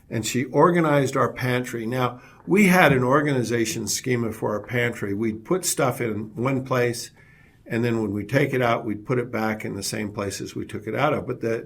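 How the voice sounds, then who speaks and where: A man's voice: mid-range voice, vocal fry, slightly rough. A man presenting a business webinar as a leadership consultant, telling anecdotes and often repeating words as he restarts.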